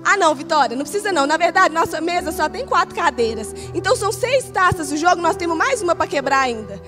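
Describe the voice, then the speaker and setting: A man's voice: extremely high pitch, quick pace, over music. Woman quoting her easygoing joking husband. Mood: teasing. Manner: relaxed, joking. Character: easygoing young husband, cheerful and generous.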